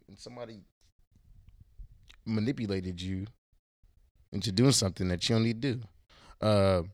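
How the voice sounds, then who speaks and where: Slangy, profane man on a podcast. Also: lowish voice. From Houston, Texas. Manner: loose, slangy and profane, trailing off and searching for words. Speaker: podcast guest. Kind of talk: casual podcast conversation.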